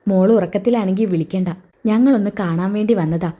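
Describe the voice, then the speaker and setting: A woman voicing a soft, caring elderly grandmother in a spoken serial recap. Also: mid-range voice, brisk, close to an everyday voice.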